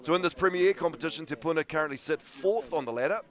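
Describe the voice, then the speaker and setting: A man's voice: on the high side, lively intonation, quick pace, fairly bright tone. A man with a New Zealand accent giving conversational live rugby commentary as a co-commentator.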